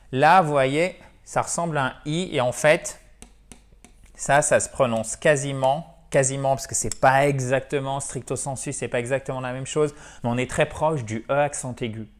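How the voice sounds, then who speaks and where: A French-speaking man giving a video lesson on English pronunciation, drilling words slowly and repeating them. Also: mid-range voice.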